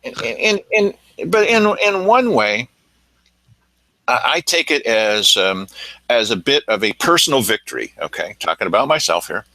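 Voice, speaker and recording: A man hosting a local news talk show, telling his stories in an animated way. His pitch swings widely. The sound is dry and close. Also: moderate pace, no echo, rough recording. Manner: animated storytelling, acting out quotes. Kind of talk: casual commentary chat.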